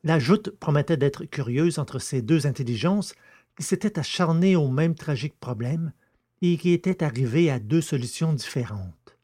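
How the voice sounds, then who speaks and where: Husky male audiobook narrator. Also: a little high, animated, warm tone. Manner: measured, storytelling.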